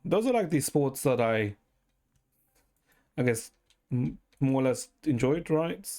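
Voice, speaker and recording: A live streamer in casual, rambling mode hesitates often, tags remarks with "right?", and swears now and again. The warm mid-range voice has lively intonation and takes its time.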